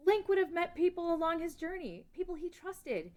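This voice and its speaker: A woman acting a high-voiced, defiant young princess. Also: very animated, moderate pace, a little mellow. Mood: questioning, resolute. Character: grieving, defiant young princess of a fantasy kingdom. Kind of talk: table read of a fan-written audio drama.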